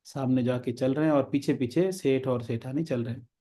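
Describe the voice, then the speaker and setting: A man's voice: mid-range voice, a little fast, mellow. A man preaching, telling a devotional story and acting out the characters' lines in different voices.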